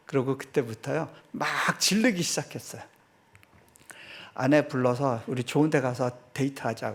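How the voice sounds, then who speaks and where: A middle-aged man, a missionary, preaching a sermon in a church and telling his own story, acting out his prayers and laughing now and then. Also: on the high side. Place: church sanctuary.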